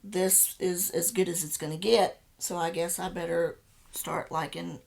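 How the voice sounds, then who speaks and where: A woman, co-hosting a podcast, upbeat and quick to agree in casual chat. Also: on the low side, steady tone, gravelly, a little mellow. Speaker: podcast co-host.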